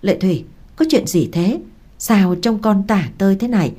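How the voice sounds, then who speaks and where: A woman's voice: medium pitch, animated, normal speed, mellow, close to an everyday voice. A woman voicing an older father who is stern and indignant in defense of his daughter. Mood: worried. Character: angry protective father, older man.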